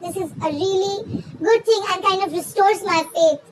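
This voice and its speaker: Female host, squeaky chipmunk cartoon voice with pitched-up effect, extremely high; informal, rambling commentary over clear background noise. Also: moderate pace. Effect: pitched-up chipmunk filter. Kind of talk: casual commentary reading online posts aloud.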